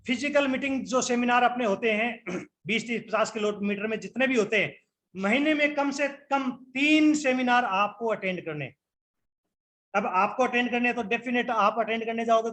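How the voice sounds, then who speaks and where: High-voiced man giving an earnest training talk. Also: fairly bright tone. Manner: earnest, instructive, addresses the audience directly with rhetorical questions. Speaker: network marketing trainer.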